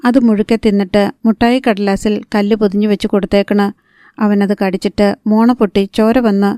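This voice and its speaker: A woman voicing a harried young village mother who scolds sharply and soothes softly, in a mellow, smooth, even storybook reading. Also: medium pitch, fairly quick, dry recording, studio quality, natural voice. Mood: scolding.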